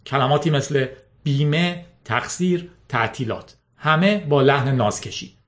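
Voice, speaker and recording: A man narrating a story aloud in a steady, measured reading. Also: a little high. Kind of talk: scripted audiobook narration.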